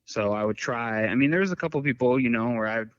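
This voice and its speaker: A fast-talking man with a mid-range voice appears as a podcast guest, spinning loose, filler-heavy stories in casual chat. No room sound comes through on the dull, dry lo-fi audio.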